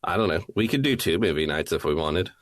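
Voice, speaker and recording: A man's voice: low-pitched, animated, quick pace, slight background noise. A man co-hosting a podcast, chatting casually with friends about a video game. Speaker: podcast co-host.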